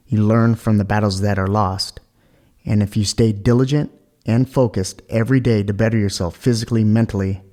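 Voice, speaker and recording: A man in his forties, a police officer and boxer, speaks in a measured, reflective way as he tells his story for a documentary interview. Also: on the low side, warm tone. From United States. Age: 40s.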